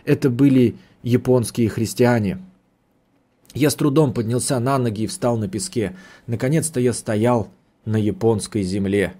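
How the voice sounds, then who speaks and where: A man narrates a novel aloud in the first person, the way an audiobook reader would. His voice sits at an ordinary male pitch with a dark, mellow timbre. He keeps the delivery measured and steady from line to line.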